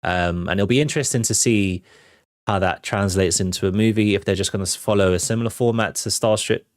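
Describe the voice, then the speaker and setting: A man hosts a film and TV news show, chatting with viewers in an informal, enthusiastic, conversational way as he delivers casual entertainment news commentary. His voice is lowish and brisk, with clean studio sound and no room sound.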